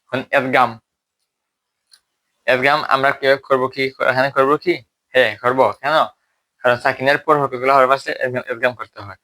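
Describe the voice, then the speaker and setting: Bright-voiced man teaching recitation. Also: medium pitch, level tone. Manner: explains step by step and checks understanding with questions; slowly models drawn-out recitation examples. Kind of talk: explanatory Tajweed lesson.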